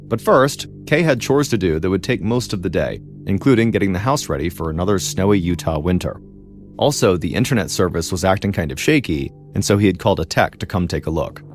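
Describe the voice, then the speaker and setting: A man hosting a podcast, telling a true crime story in a measured, dramatic way with pauses. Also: low-pitched, expressive, faint music behind. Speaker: podcast host and narrator.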